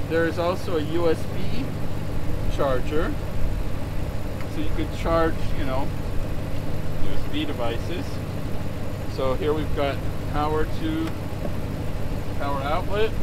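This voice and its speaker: A man's voice: on the high side, heavy background noise. Man raising his voice over a running engine. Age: middle-aged. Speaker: host of an RV camping channel reviewing gear. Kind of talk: casual product demonstration. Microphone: camera a few steps away. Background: running truck engine, music.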